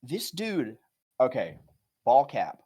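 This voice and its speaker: Casting note: podcast co-host, man, mid-pitched, animated storyteller who swears casually. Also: takes it slowly, breathy edge. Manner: animated, rambling anecdotes with swearing.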